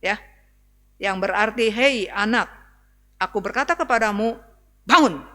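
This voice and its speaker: A woman's voice: mid-range voice, normal speed, sharp tone. A woman pastor preaching a sermon in a conversational way, often turning to address the congregation directly. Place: church hall. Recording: reverberant church hall.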